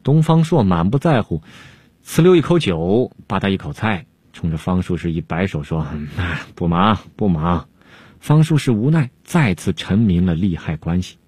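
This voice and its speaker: A man telling a traditional folk tale in an animated, rhythmic storytelling cadence. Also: low-pitched, moderate pace, breathy edge, no echo.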